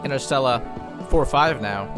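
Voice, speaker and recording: A man at a middle pitch reacts to an album as it plays, enthusiastic and thinking aloud, with plenty of fillers. Loud synth and funk music plays clearly underneath his voice. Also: normal speed. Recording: music playing loudly underneath. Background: album music playing.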